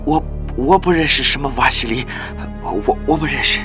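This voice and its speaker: A man's voice: mid-range voice, moderate pace, natural voice. A man voicing a terrified male captive who stammers and repeats his words, with music behind. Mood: frightened.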